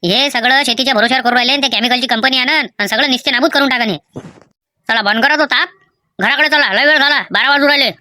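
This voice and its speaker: A high, bright and quick cartoon voice, played by a woman for an excitable middle-aged farmer with a Vidarbha Marathi accent. He lectures and barks orders in a fussy tone. The sound is close and dry. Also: no room sound. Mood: complaining.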